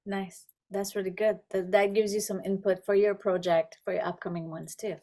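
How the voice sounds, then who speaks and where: Female podcast interviewer, middle register, relaxed conversational phrasing for questions and short responses. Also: mid-range voice, normal speed.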